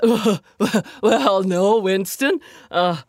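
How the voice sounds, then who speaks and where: A woman's voice: mid-range voice, extremely slow, darkish tone, no echo, clean studio sound. Woman voicing a jolly, hearty big bear. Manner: chuckling, rambling, hearty. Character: big jolly male bear, good-natured.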